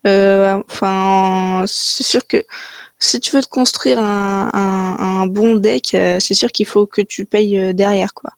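A woman in a casual gaming chat, talking slowly and hesitantly with many fillers. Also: mid-range voice, fairly even intonation, no room sound.

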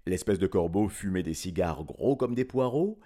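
A man telling a children's story in an animated, playful way, chuckling often. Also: deep voice, normal speed.

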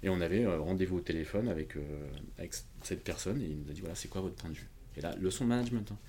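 Low-voiced and dark in tone, the independent consultant races through his stories as a podcast guest, performing the quoted lines as he goes. It's informal talk, with noticeable background noise on the recording.

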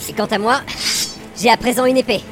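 A woman's voice: on the high side, steady tone, brisk, natural voice. A woman playing a proud elf warrior in a fantasy parody, solemn, formal and grandiose. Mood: defiant. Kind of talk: parody fantasy cartoon acting. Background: music.

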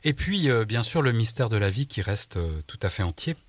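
A man's voice: lowish voice, sing-song, dry recording. Hesitant male radio host, dry sound. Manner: halting, with frequent hesitations. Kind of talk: radio interview.

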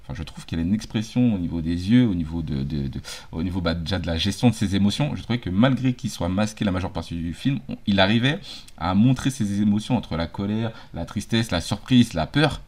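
Deep-voiced man chatting about a film. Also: lively intonation, brisk, darkish tone. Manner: hesitant, many fillers and restarts. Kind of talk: casual film discussion.

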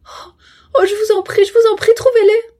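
Woman reader doing a high, pleading, trembling society lady in an audiobook; mellow and breathy. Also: fairly quick. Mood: desperate pleading. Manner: pleading, stammering. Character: anxious, tormented high-society woman under hypnosis.

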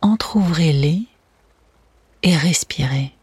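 The speaker is a meditation guide using a soft, extremely breathy spa whisper in a mid-range voice, moving very slowly. It stays soothing and hushed the whole way, close and dry, with almost no room around it and no echo.

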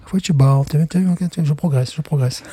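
A man co-hosts a podcast in loose, playful chat. He jokes, clowns a little and laughs often. His voice sits a bit high and mellow, recorded dry and close. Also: lively intonation, a little fast, no echo. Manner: jokey, theatrical, laughs often. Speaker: podcast co-host; teacher of young pupils.

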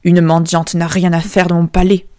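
A stern old king of a storybook, speaking low and firm, with a woman reading his part. The voice is mellow and dry, close to the mic. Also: flat delivery, moderate pace, no room sound, lightly acted. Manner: lowered, firm.

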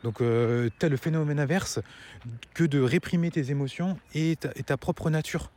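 A man's voice: a little high, normal speed, warm tone. A man giving a casual opinion monologue to viewers as a vlogger, rambling and stammering, swallowing words as he walks outdoors. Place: outdoors, walking, nearing a road.

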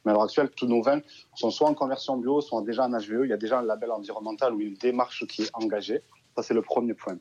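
A man's voice: medium pitch, fairly even intonation, quick pace, darkish tone, slightly rough. A man in his thirties with a southern French accent, a wine merchant talking as a guest in a radio interview, chatty and hesitant. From southern France. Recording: dull lo-fi sound.

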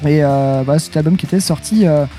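Male radio host, mellow tone, faint music under, hesitant chat. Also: on the high side, fairly quick. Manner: hesitant, lots of fillers.

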